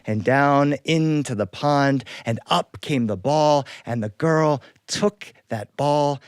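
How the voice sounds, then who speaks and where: A man telling a fairy tale in a lively, animated style, with spoken sound effects. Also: medium pitch, slow, smooth, dry recording, studio quality. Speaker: storyteller. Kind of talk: animated storytelling performance.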